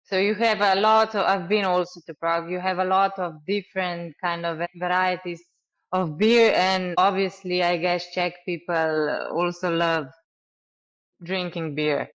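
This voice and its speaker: A woman's voice: on the low side, steady tone, unhurried. A woman hosting a podcast interview, asking curious, hedged questions. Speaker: podcast host. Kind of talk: casual interview.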